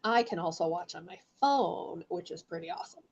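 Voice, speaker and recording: A woman's voice: on the low side, animated, a little fast, darkish tone, husky, muffled recording. A middle-aged woman hosting a live online gem show, chatting casually and rambling while congested and coughing from allergies. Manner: rambling, chatty, greets viewers by name. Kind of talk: casual live-stream chat.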